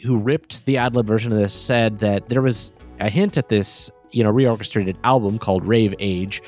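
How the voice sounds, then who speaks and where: A man co-hosting a casual podcast, chatty and quick to laugh, often trailing off into asides. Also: lowish voice. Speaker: podcast co-host. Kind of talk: casual chat about game music.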